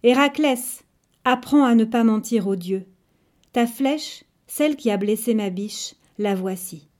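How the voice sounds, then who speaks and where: An icy, commanding goddess of the hunt, as a storyteller puts her on. She speaks with cold authority in a mellow, warm voice, clear and measured, as in a storybook reading. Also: mid-range voice, expressive, natural voice. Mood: stern.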